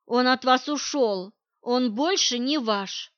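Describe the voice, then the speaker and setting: A woman's voice: high voice, slow pace, no room sound, dull audio. A woman reading an audiobook voices a cold, scornful middle-aged wife who talks down to her rival in curt, dismissive lines.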